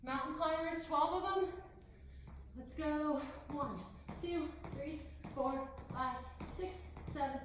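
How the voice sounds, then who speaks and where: A woman's voice: high-pitched, slow pace, slight background noise. A woman fitness coach leading a home workout, counting reps and giving step-by-step cues, a little out of breath. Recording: very echoey room.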